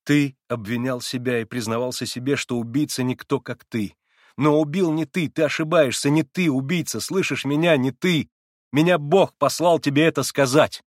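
A gentle, devout young man pleading quietly and earnestly, as a male reader voices him. Slow, hushed delivery in a dry, close recording. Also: medium pitch, steady tone, no room sound, close to an everyday voice.

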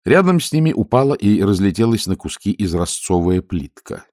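A man narrating an audiobook in an expressive storytelling manner. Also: lowish voice, normal speed, dry recording, studio quality. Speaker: audiobook reader. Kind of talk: scripted narration.

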